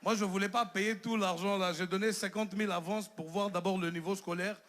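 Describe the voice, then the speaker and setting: A man's voice: sits high, brisk. A young man with an Ivorian French accent doing a stand-up comedy set, telling stories animatedly and acting out characters. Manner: animated storytelling, acts out characters. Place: stage with live audience.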